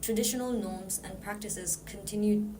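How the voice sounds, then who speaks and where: A woman's voice: medium pitch, steady tone, moderate pace, noisy background. A woman from Nepal, a student presenter reading her prepared answers in a podcast, earnest and note-bound.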